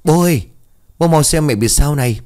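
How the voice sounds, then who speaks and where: A man's voice: medium pitch, animated, a little fast, a little mellow, voice pushed up, lightly acted. A man voicing a frightened, crying village boy who talks in tearful pleas. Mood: panicked. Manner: tearful, pleading.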